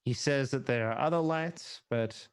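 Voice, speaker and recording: A man's voice: mid-range voice, normal speed, clean tone. A man playing a tabletop role-playing game, chatting casually in character with a tentative, polite manner. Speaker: tabletop role-play player.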